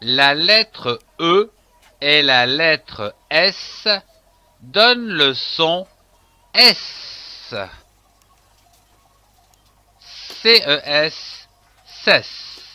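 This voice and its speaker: A man's voice: a little high, animated, very slow, long pauses, pushed and bright, smooth, dry recording. A man teaching a phonics lesson to young children, spelling out letters and blending them into syllables and words. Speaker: reading teacher.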